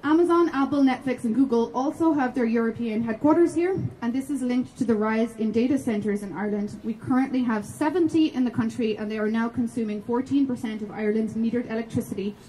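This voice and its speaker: A higher-voiced woman reads a factual narration at a measured pace. Her tone is warm and mellow, with faint noise behind her. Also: poor audio.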